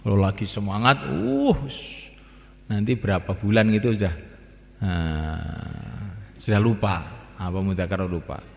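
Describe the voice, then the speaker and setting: A man preaching a sermon in a repetitive, emphatic way, swinging between soft and loud. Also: lowish voice, big pitch swings, normal speed, creaky. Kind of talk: sermon to a gathering. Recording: echoey hall with long reverb.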